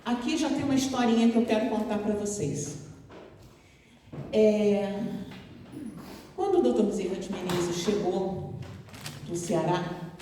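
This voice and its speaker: A woman giving a storytelling lecture to an audience, animated and full of pauses. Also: medium pitch, a little hiss or hum. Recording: echoey hall, mic far off.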